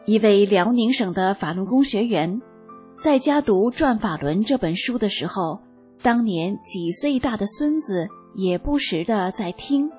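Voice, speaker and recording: A woman reading a first-person testimony aloud as scripted narration, in a slow, calm and even manner. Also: medium pitch. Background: faint background music.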